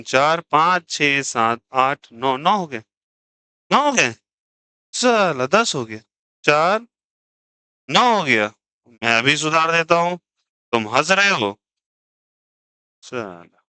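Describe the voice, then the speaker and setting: A man teaching chemistry in a lively, teasing classroom lecture, joking and pushing students to answer. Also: on the high side, smooth, no room sound, rough recording.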